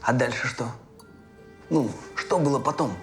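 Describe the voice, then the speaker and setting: An actor playing a businesslike, curt police investigator in a period detective series. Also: male voice, medium pitch, measured pace, music in the background, lightly acted. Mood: probing. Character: brisk, official police investigator of tsarist times.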